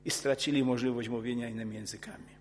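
A man preaching a sermon in an earnest, emphatic way, often restarting his words and rising into forceful outbursts. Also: medium pitch, steady tone, fast talker, a little hiss or hum. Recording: long hall reverb.

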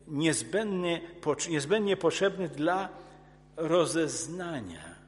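A man preaching with a fairly high voice, earnest and emphatic, often stumbling and restarting before swelling into forceful peaks. The sound carries a long reverb, as if in a church hall. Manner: earnest, emphatic, with frequent restarts and rising outbursts. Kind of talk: sermon.

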